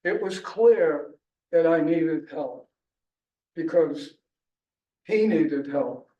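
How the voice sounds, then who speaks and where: A man with a somewhat high voice reads his memoir aloud at a library book launch, speaking extremely slowly with a wry, chuckling storyteller's manner. The audio is dull and echoey, picked up by a distant mic in the library's event room.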